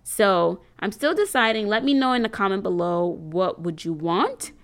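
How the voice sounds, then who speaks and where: Hosting a faith and business group, a woman addresses her viewers in an earnest, preacherly, casual way, at a moderate pace and in a mid-range voice. She wanders a bit, with plenty of ums and restarts.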